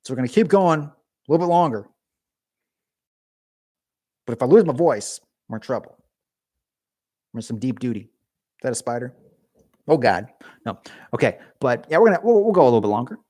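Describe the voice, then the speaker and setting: A young man on a garage live stream is very animated, joking and rambling with his viewers at a fairly quick clip broken by long pauses. His mid-range voice has a dark tone and is starting to give out. The audio is studio quality with no echo.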